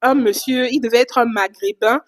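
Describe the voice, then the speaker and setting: Woman from Cameroon, vlogger, animated casual storytelling with a slightly high voice. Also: moderate pace. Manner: animated retelling, casual fillers. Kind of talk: storytime vlog.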